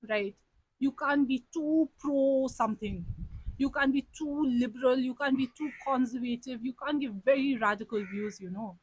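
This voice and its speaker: A woman's voice: high-pitched, moderate pace, slightly rough, no room sound, rough recording. A young woman in her twenties, an interviewee giving earnest advice and switching between English and Nepali. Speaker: interviewee, civil services topper.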